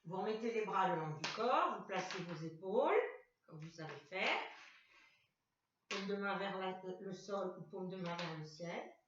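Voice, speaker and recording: A woman leading a chair exercise class, calmly cueing each movement step by step and repeating commands. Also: mid-range voice, measured pace, noisy background. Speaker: fitness instructor. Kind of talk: guided exercise class instruction. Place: room with a chair and mat. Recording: echoey room, voice far from the mic, dull sound.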